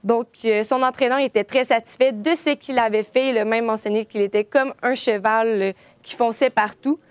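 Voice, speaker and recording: A young woman reports on a hockey game for a news show. Her voice is fairly high and the sound is close and dry, with frequent pauses filled by hesitations. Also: steady tone, clear, resonant tone, no room sound. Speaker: sports reporter.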